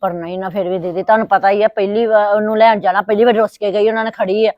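Woman playing fast-talking worried Punjabi aunt. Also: mid-range voice, steady tone, no echo, lo-fi sound, natural voice. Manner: quick, arguing, worried. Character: talkative Punjabi village aunt, middle-aged, worried. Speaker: aunt of the son.

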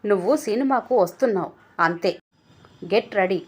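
Brief: woman narrator voicing a domineering husband, harsh and scolding, mid pitch. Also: lively intonation, moderate pace, breathy edge. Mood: commanding. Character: domineering angry husband, adult man.

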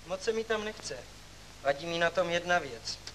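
A man's voice: a little high, animated, a bit bright, low-quality recording. A young student stammers and begs in a whiny, pleading voice, pretending his nerves are failing. The old 1939 soundtrack carries a light hiss. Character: young male student faking a nervous fit.

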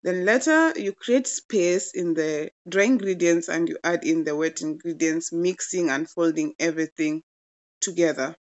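A woman's voice: lowish voice, moderate pace, highs cut off. A young woman in her twenties chatting casually as she narrates a home cooking demo, playful and gushing about the food. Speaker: cooking vlogger.

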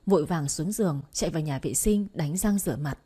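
A woman narrating a bedtime story in a calm, even storytelling manner. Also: low voice, brisk, breathy edge.

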